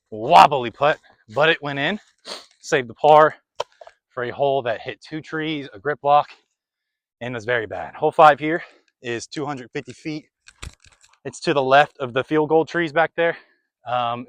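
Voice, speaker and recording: Young male vlogger, outdoor play-by-play, winded, mid pitch, dry close sound. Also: a bit bright, dry recording. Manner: chatty, running commentary between throws. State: out of breath. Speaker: disc golf vlogger. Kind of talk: casual play-by-play commentary. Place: outdoors on a disc golf course.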